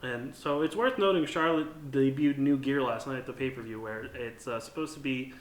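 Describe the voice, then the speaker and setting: A man's voice: medium pitch, normal speed. A man co-hosting a casual wrestling review podcast, recapping events hesitantly with many fillers. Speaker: podcast co-host. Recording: echoey room with faint noise.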